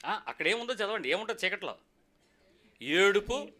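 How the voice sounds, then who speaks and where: A man preaching a sermon as pastor in a church, rapid and animated, firing questions at the congregation. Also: high voice.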